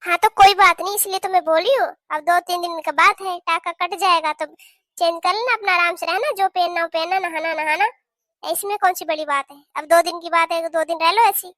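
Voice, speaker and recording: A sharp-tongued young sister-in-law who complains and argues indignantly, as a woman voices her for a cartoon. The tone is very high and bright, recorded dry and close. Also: fairly even intonation, fairly quick, no echo. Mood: dismissive. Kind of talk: cartoon voice acting.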